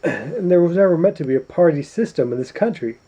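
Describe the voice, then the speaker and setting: Emphatic preachy man ranting, mellow voice. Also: on the high side, animated, brisk, rough recording. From United States. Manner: preachy, emphatic, rhetorical, frequent throat-clearing. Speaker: YouTuber. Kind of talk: opinionated political vlog rant. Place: indoors at home at night.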